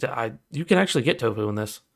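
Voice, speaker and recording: A man's voice: medium pitch, lively intonation, quick pace. Easygoing man rambling on a podcast. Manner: easygoing, rambling with fillers and restarts. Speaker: podcast co-host. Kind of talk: casual chat.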